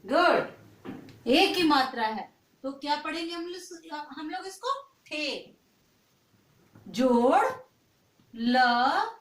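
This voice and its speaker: Slow sing-song woman teaching children. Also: high-pitched. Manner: patient, questioning tone toward children. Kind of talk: children's language lesson. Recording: echoey room, mic at a distance.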